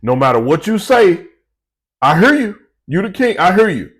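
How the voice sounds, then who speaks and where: A man's voice: high-pitched, big pitch swings, moderate pace, slightly rough, pitched above the performer's own voice, heavily acted. A man voicing a brash, confident young warrior who talks in casual slang, cocky and sure of himself. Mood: assured.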